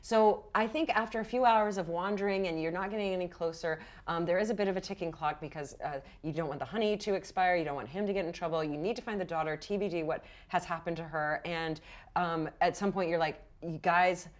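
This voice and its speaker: Acting as game master for a roleplaying game, a woman with a fairly low voice narrates briskly. She keeps things casual and encouraging, improvising in a conversational way.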